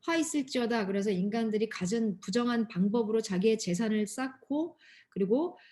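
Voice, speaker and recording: A woman youth pastor giving a lively sermon, speaking straight to her listeners and acting out God's words in plain, casual speech. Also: fairly high pitch, normal speed. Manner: asks listeners questions often. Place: church.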